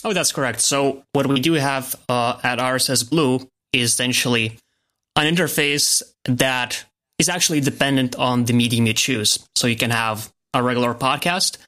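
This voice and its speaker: Brief: man, bright, crisp-edged voice, calm and explanatory interview guest. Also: mid-range voice. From Lithuania. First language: Lithuanian. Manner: measured, explanatory. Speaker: podcast guest, software developer. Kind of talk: casual interview.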